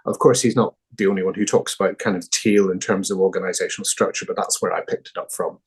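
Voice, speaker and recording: Northern Irish man, low husky voice, interview guest talking it through thoughtfully. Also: fairly even intonation, quick pace. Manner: thoughtful, many fillers and restarts. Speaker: founding director, interview guest. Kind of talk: conversational interview answers.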